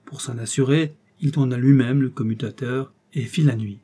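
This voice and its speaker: A male audiobook narrator reads a novel in a measured, even storytelling style. His voice is dark and mellow, with a husky, slightly breathy edge. His pitch sits in an ordinary middle range. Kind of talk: scripted literary narration.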